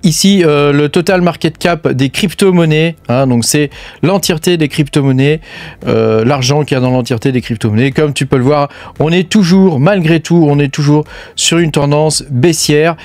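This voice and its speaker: A man's voice: on the high side, normal speed, darkish tone, no room sound. A man from France giving casual, filler-heavy commentary on crypto news over charts, talking straight to the viewer and swearing bluntly. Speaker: crypto mining YouTuber.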